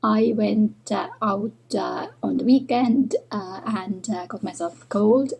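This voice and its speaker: A woman chatting casually in a book vlog at home, sick with a cold and a sore throat, talking haltingly with lots of fillers. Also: medium pitch, gravelly, darkish tone. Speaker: book vlogger. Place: home room with bookshelves, indoors.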